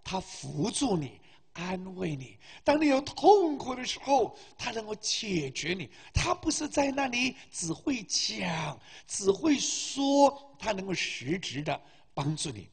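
A man's voice: high-pitched, big pitch swings, a little slow, vocal fry, slightly rough. A man preaching and leading prayer before a congregation, with fervent, rising exhortations. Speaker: pastor. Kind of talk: sermon and prayer. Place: church hall. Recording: long hall reverb.

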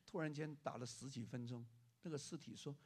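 An older man preaching a sermon as a pastor, telling a story with lively acted-out voices for the people in it. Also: mid-range voice, fairly quick. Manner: animated preaching, acting out the people in his story.

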